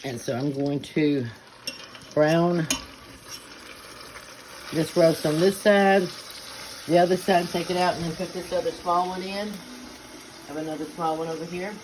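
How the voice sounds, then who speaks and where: A woman's voice: fairly low pitch, fairly even intonation, unhurried, long pauses. A middle-aged woman, chatting through a home cooking demonstration with many "uh" fillers. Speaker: home cook. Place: home kitchen. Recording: noisy home kitchen ambience.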